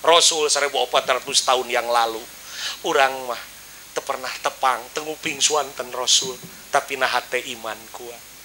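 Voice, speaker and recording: A man's voice: mid-range voice, steady tone, moderate pace, pushed and bright, slight background noise, low-quality recording. A man with a Sundanese accent preaching a humorous sermon, joking with the audience and breaking into sung praise. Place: outdoor religious gathering.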